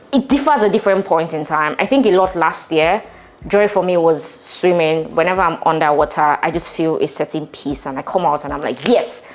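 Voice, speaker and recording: A woman in her twenties, hungover, talking casually and reflectively to viewers as a vlogger. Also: on the low side. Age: 20s. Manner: informal, reflective, conversational. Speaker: vlogger and channel host. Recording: music behind the voice. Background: music.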